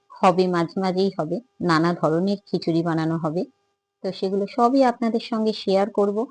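A woman's voice: mid-range voice, a little mellow, no echo, low-quality recording. A woman chatting casually and in a friendly way to viewers as host of an eating vlog at home. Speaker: food vlogger and host.

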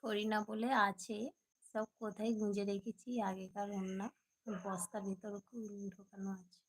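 At home at night, a woman hosts a casual live stream, hoarse from a cold, chatting with viewers and answering their comments. Her mid-range voice stays level at a moderate pace, and the audio quality is poor.

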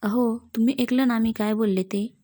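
A woman's voice: a little high, steady tone, normal speed, warm tone, close to an everyday voice. A woman reading the lines of an anxious, affectionate young wife in a storybook, worried and pleading.

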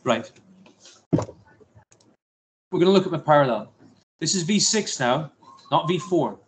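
A man's voice: fairly high pitch, lively intonation, slow pace, slight background noise, rough recording. A man teaching a science lesson to his class, talking through a simulation with jokey, self-deprecating asides.

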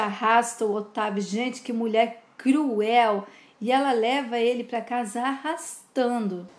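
A woman's voice: on the high side, a little mellow. A woman retelling a soap opera episode in a casual, chatty way, reading out the characters' lines and commenting on them. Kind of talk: casual retelling with read-out dialogue. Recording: roomy echo.

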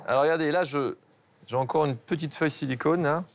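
Chef demonstrating a recipe, fairly high voice. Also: male voice, gravelly. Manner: instructive, brisk, addresses viewers with "regardez" and "hein". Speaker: pastry chef teaching a master class. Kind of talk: cooking demonstration.

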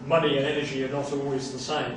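A man's voice: medium pitch, level tone, fast talker. A man giving a seminar, answering a question in a conversational way and restarting phrases as he thinks, in a small seminar room. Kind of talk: academic Q&A answer. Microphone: far room camera mic. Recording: echoey room from far off, background hiss.

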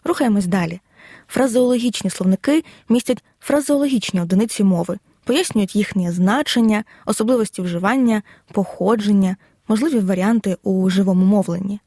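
A woman teacher giving a scripted audio lesson, explaining in a measured way and reading examples out one by one. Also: medium pitch, mellow, no room sound, studio quality. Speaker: Ukrainian language teacher.

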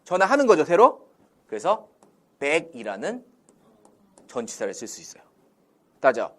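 A man's voice: on the high side, a little slow. A man teaching English in Korean, drilling phrases with call-and-response questions and acting out example lines. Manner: acts out Korean example sentences in a lively voice. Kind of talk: classroom-style language lesson.

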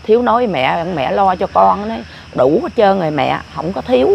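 A woman's voice: mid-range voice, expressive, normal speed, gravelly, dull audio, slight background noise. An older grandmother, talking in a rambling, repetitive way about her family. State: often ill. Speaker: grandmother interviewed. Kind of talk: casual storytelling.

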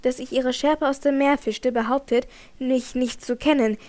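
A woman reads an audiobook part as a young male noble consumed by jealousy, angrily hurling accusations. She pitches her voice high with a steady tone, normal speed and a darkish, everyday quality.

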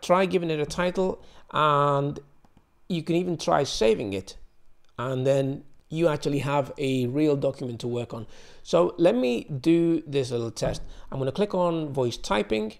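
A man from the United Kingdom explaining software casually as a tutorial presenter. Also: a little high, vocal fry.

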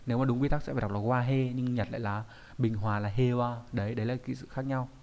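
A man's voice: medium pitch, fairly even intonation, fast, a little mellow. Man teaching kanji, chatty and explanatory. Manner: explanatory, with frequent checking tags. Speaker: Japanese teacher. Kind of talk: online kanji lesson.

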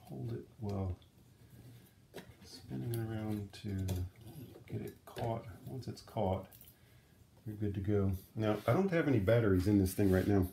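With a fairly low, gravelly yet mellow voice, a middle-aged man chats casually while demonstrating things indoors at home, musing aloud without a script. He's a vlogger who collects vintage audio equipment. Slight background noise is present.

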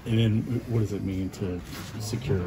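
A man's voice: fairly low pitch, steady tone, normal speed, very noisy. A male sports reporter asking questions at a postgame press scrum, often with fillers and restarts. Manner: hesitant, filler-heavy questions.

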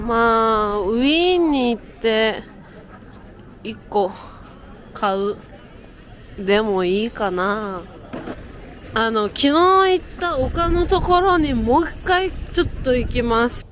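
A woman's voice: fairly high pitch, animated, takes it slowly, long pauses, slight background noise. Chatty Japanese-woman walking outdoors. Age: 30s. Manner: chatty, laughs often, talks to camera while walking. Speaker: travel vlogger. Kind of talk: casual travel vlog narration. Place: outdoors in a windy, cold city.

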